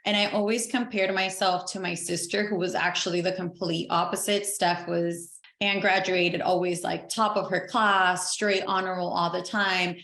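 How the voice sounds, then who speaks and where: A woman's voice: fairly low pitch, steady tone, a bit bright. A young adult woman from Venezuela, chatting as a podcast guest in a talkative, upbeat way. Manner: talkative, upbeat, quick to laugh. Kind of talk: casual interview chat. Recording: echoey room.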